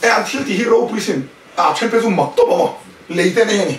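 一位在家庭团契上讲道的男人，不断向听众发问，并夹杂英语词汇。. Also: male voice, high-pitched, brisk, crowd noise. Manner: keeps questioning the listeners; mixes in English words. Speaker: preacher. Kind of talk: sermon at a house fellowship. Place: indoors at a home fellowship. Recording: echoey room, voice from a distance.

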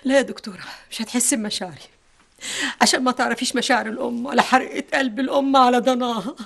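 A woman's voice: racing, gravelly, a bit bright. An actress playing a middle-aged Egyptian mother, frantic and tearful with fear for her missing son. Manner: shrill, pleading, tearful outbursts. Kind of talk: TV drama acting.

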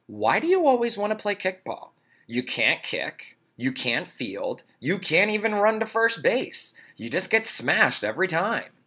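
A man's voice: high-pitched, very animated, a little slow, pushed and bright, slightly rough, voice pushed up, heavily acted. A man voicing a fair-minded older schoolboy who speaks firmly and reasons things out, in a storybook reading. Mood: frank. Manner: firm, reasoning.

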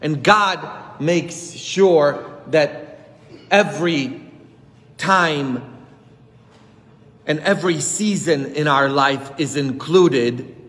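A priest in his thirties preaches with deliberate, unhurried phrasing, his voice sitting fairly high for a man. He swings from loud, rising emphasis to quiet asides, picked up on a headset mic in a church that rings with long reverb. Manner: emphatic preaching with big swings in pitch and loudness. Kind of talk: sermon.

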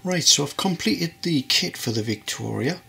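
Gravelly man narrating a hobby build. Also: on the high side, expressive, moderate pace, pushed and bright. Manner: rambling, hesitant with many ums and restarts. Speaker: model railway builder. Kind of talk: casual hobby tutorial narration. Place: hobby workbench indoors.

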